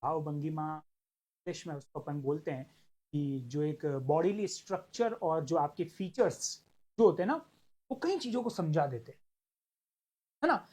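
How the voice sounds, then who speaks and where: A man teaching an online law class, animated, acting out small dialogues and stretching key words for emphasis. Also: a little high, a little slow, pauses often. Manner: animated, acts out little dialogues. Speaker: law lecturer for exam prep.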